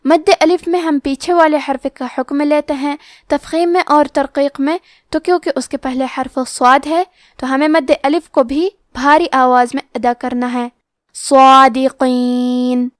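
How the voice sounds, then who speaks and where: A woman teaching Quran recitation rules, explaining each letter and rule slowly and carefully. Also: high voice, fairly even intonation, no room sound, clean studio sound. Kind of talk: tajweed lesson explanation.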